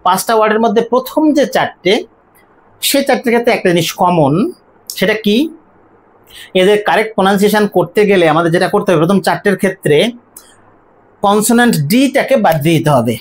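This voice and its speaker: An English teacher gives an online lesson, asking questions and then repeating each word slowly to drill its pronunciation. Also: medium pitch, animated. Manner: poses questions to the viewer, then answers them.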